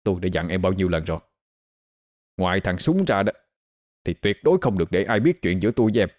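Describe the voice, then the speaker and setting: A man voicing a cruel young rich man who speaks in low, cold, threatening tones. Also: big pitch swings, fast talker, a little mellow. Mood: cold irritated.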